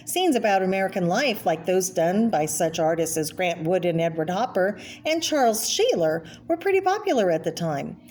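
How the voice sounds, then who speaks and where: Reading a picture book aloud for children, a woman with a lowish, slightly mellow voice pauses often. She names the pictures and comments on them in informal, explanatory asides.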